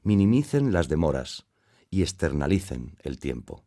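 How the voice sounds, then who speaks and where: Deep-voiced man reading a calm lecture. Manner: measured, didactic, explains step by step. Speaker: voice-over reader of a lecture for parents. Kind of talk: scripted lecture voice-over.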